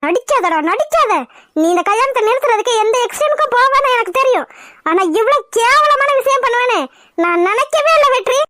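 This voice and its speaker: A shrill, very high cartoon woman shouting insults in a sharp, biting voice, as a woman voices her. The sound is bright and close, with a dry, dead studio sound. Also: animated, fairly quick, no room sound, exaggerated voice. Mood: accusing. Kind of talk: Tamil cartoon voice acting.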